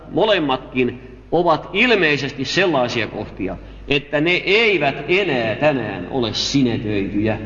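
A man with a fairly high voice delivers a sermon, reading scripture and explaining it in a measured, careful way. The audio is dull and lo-fi, with long reverb from a large hall. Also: fairly bright tone. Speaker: preacher. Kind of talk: Bible teaching sermon.

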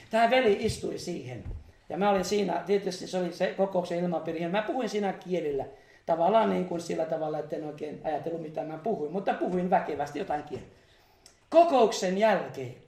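Guy preaching, high gravelly voice, fervent, lots of hallelujahs, echoey church hall. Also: darkish tone. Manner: fervent, exclaims hallelujah, laughs between phrases. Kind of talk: charismatic sermon.

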